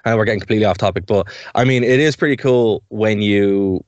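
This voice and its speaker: This young man from Ireland talks fast in a lowish voice, with dull audio and no echo. Co-hosting a community radio show, he keeps the chat casual and rambling, breaking into easy laughter as he goes.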